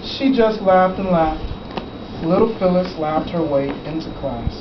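In a school classroom, a man reads his own picture book to children conversationally, pausing to explain the pictures and ask questions. His voice sits high, and the recording is muffled and echoey, with him far from the mic amid clear noise from the children.

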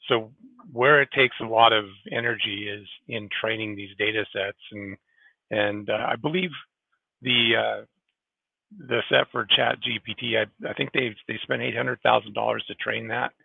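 A man speaking as a technical architect in a casual panel discussion over a video call, halting with many restarts. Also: mid-range voice, steady tone, vocal fry, slightly rough, no room sound. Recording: tinny video call audio.

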